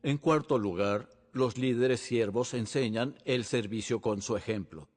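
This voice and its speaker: Guy preaching a sermon, earnest, asks the crowd stuff, mid pitch. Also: unhurried, long reverb tail. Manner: earnest preaching with rhetorical questions. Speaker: pastor. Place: church sanctuary.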